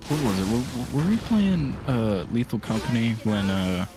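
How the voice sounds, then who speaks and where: A young man streaming a game, chatting casually with a friend, excitable and profane, rambling as he talks. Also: medium pitch, unhurried. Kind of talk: casual gaming chat. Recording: music playing behind.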